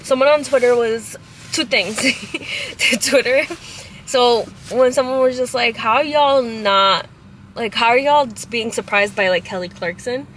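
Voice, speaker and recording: A young woman tells rambling stories in casual chat, her talk full of likes. She is recorded by a dashboard camera inside a car at night, with clear car noise behind her. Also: fairly high pitch, a little slow, a bit bright, rough recording. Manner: rambling storyteller, many likes. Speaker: guest.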